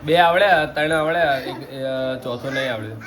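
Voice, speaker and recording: A man's voice: mid-range voice, normal speed, a bit bright. A man with a Gujarati accent vlogging outdoors with friends, teasing them and coaxing them through tongue twisters in casual chat. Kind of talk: casual group vlog.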